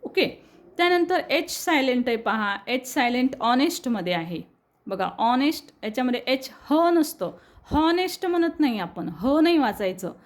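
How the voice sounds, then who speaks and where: A woman with a Marathi accent, teaching English reading to students and slowly repeating each word for them. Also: high voice, very animated. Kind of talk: explaining a lesson on screen.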